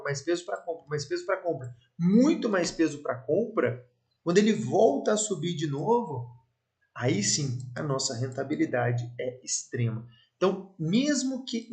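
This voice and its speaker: A man with a Brazilian Portuguese accent giving a casual online investing lesson, energetic and repeating phrases for emphasis. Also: on the high side. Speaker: investment educator. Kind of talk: casual online lesson walking through charts.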